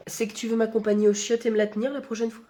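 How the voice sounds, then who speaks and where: A woman's voice: on the high side, little pitch movement, racing, mellow, roomy sound, close to an everyday voice. A woman voicing a sarcastic male office worker in a comedy sketch, muttering under his breath. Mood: sullen.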